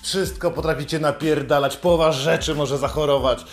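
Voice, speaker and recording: A man's voice: a little high, fairly even intonation, moderate pace. A man delivering a sarcastic, mocking rant, swearing constantly and scolding the listener. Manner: mocking, heavily profane, scolding.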